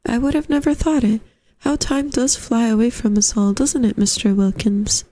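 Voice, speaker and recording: A woman's voice: fairly high pitch, moderate pace, warm tone, natural voice. A woman voicing a genteel, fussy landlady in a story, with a dainty, coaxing and doting manner. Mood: sweetly fluttery. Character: genteel, fussy, sweetly insistent middle-aged landlady. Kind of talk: storybook character voice.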